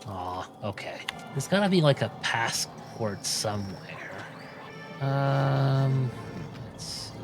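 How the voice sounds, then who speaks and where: A man's voice: medium pitch, lively intonation, slow. A man doing casual let's play commentary, muttering his thoughts aloud as he plays. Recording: game music behind the voice. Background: game music.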